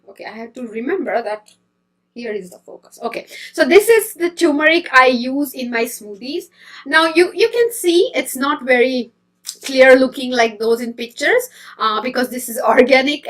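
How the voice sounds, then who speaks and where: A woman's voice: on the high side, fairly bright tone. A woman from India, hosting a casual healthy-eating live stream, chatty and hesitant with many fillers and restarts. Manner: greets viewers and reads comments as she goes.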